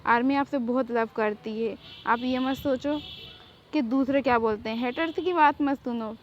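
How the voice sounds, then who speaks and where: Woman, fan storyteller, chatty and enthusiastic, casual outro, higher voice, muffled lo-fi. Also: normal speed. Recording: dull lo-fi with faint noise.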